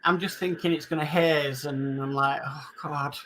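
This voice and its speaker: A man co-hosts a live stream, reading out comments from viewers and chatting loosely about each one. His fairly high, fairly bright voice keeps a fairly even intonation at normal speed, with slight background noise.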